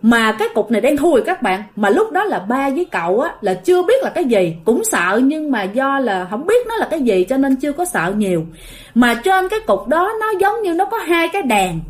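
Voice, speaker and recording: A woman's voice: high voice, big pitch swings, normal speed. A woman telling a ghost story in a chatty way, talking straight to her listeners. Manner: chatty, addresses listeners directly.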